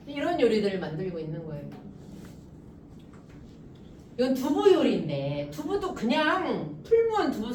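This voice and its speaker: A middle-aged woman professor, giving a humorous lecture and joking with a lively, laughing delivery. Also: a little high, slight background noise. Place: lecture hall. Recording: roomy hall, mic from a distance.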